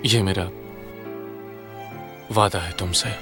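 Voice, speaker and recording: A protective young man, as a man dubs him for a TV drama, earnest and reassuring in a lowish voice. Faint music plays beneath him. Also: steady tone, takes it slowly. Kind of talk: dubbed TV drama.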